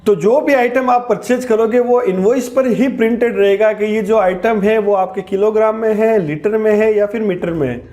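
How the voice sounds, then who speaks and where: A man with a high voice teaches accounting software in a screen-recorded tutorial. He explains each step patiently and slows down to spell out key terms.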